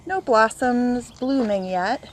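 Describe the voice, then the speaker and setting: A home gardener films her yard on her phone while walking outdoors, chatting casually as she lists her plants and isn't sure of some names. Her voice is on the high side and she talks slowly and easily, a bit out of breath after a run. Faint outdoor noise comes through on the low-quality audio.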